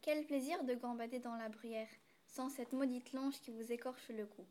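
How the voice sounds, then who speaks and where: A woman reading a storybook aloud, voicing a headstrong young female goat who talks softly and wistfully. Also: fairly high pitch, steady tone, moderate pace, lightly acted. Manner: soft, quiet, wistful.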